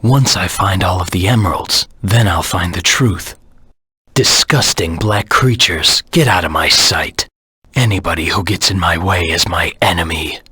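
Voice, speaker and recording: Shadow, a deep, very husky brooding antihero. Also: male voice, a little slow, sharp tone, no room sound, studio quality, full character voice. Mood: brooding intensity, then cold defiance. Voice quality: low, husky rasp. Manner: grim, terse, menacing. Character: brooding male antihero hedgehog, cold, defiant and driven. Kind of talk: video game character voice acting.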